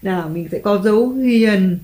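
Mom coaching her kid through spelling, slow and encouraging, mid pitch, echoey room. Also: dark tone. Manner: patient, encouraging, drawn-out spelling. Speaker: mother teaching her child. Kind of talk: home reading lesson for a child. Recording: echoey room, faint background music.

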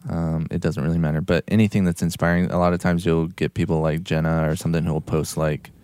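A man, co-hosting a casual church-staff podcast and pausing often on fillers. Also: very deep voice, level tone, a little mellow, smooth, no echo. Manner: hesitant, many fillers. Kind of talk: casual chat.

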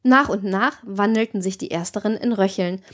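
Woman reading an audiobook calmly. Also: mid-range voice, moderate pace. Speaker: audiobook narrator. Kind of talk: scripted narration.

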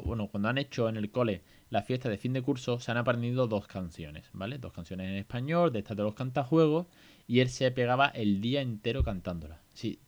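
A man, hosting a podcast in a chatty, colloquial, self-mocking way. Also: mid-range voice. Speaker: podcast host and parent. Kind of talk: casual podcast monologue.

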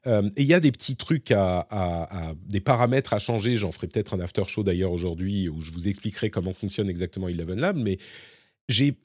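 A man's voice: medium pitch, darkish tone, no room sound, clean studio sound. A man hosting a casual tech podcast, chatty and explaining demos to listeners. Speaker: podcast host.

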